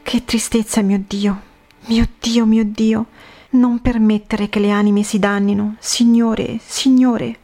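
A woman voicing a pious female seer who grieves and pleads, in a slow, solemn reading of a religious story. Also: fairly high pitch, little pitch movement, dark tone, faint music behind. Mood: pleading.

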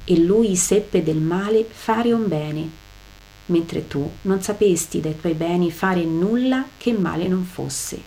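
A woman reading aloud the lines of an old patriarch who answers with calm, solemn admonition. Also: lowish voice. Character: grave, calm old patriarch passing judgment.

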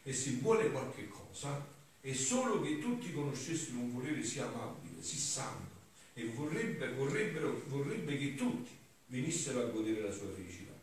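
Friar giving a homily, recorded from afar in a very echoey church, faint hiss behind. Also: male voice, medium pitch, big pitch swings, moderate pace, far from the mic. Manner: earnest, swings between soft musing asides and raised emphatic declarations. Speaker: friar preacher.

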